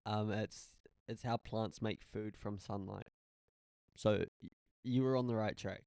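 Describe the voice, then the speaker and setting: Young kiwi guy, low gravelly voice, dry teasing podcast banter. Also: steady tone, unhurried, a little mellow, no echo. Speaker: podcast co-host. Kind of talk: casual chat.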